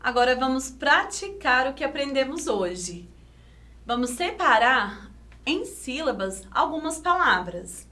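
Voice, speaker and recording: A woman teacher with a Brazilian Portuguese accent, giving a video lesson to children, sounding out syllables slowly and clearly and asking coaxing questions. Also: high-pitched, very animated, sharp tone. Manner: slow, over-enunciated syllables, coaxing questions.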